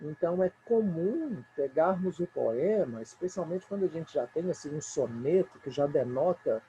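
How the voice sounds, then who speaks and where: A man's voice: fairly high pitch, expressive, normal speed, dark tone, highs cut off, a little hiss or hum. A man with a Brazilian Portuguese accent teaching a recorded remote lesson, patiently counting poetic syllables aloud.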